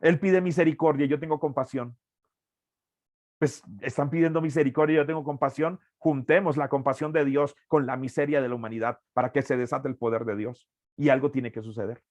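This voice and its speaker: A man's voice: mid-range voice, steady tone, fairly quick, a little mellow, no room sound. A man teaching an evangelism workshop as a preacher, earnest and emphatic, repeating key phrases.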